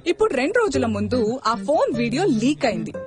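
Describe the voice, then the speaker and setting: A woman's voice: sits high, sing-song, fairly quick, over music. A woman in a film scene, lecturing insistently about honesty and cheating, mixing English into her Telugu. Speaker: teacher lecturing two young men on honesty. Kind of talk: film dialogue.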